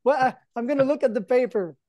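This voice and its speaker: An online event co-host in his thirties or forties banters playfully with a mock-earnest, jokey edge. His voice is extremely high yet dark in tone and moves quickly, recorded without echo. He appears on a video call indoors in front of a green backdrop.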